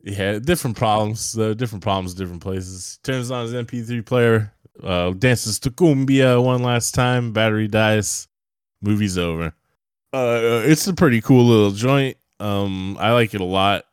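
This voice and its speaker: A young man talks movies with a laid-back, profane, rambling manner. His voice sits very low and comes across smooth and resonant. The sound is close and dry, with no room around it. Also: moderate pace, dry recording. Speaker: podcast co-host. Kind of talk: casual movie-review chat.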